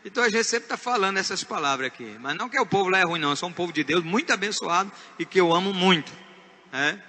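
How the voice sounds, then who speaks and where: A man with a Brazilian Portuguese accent preaching a sermon as pastor. He is emphatic, swinging from hushed asides to shouted points. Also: high voice, expressive, quick pace, long reverb tail. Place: church.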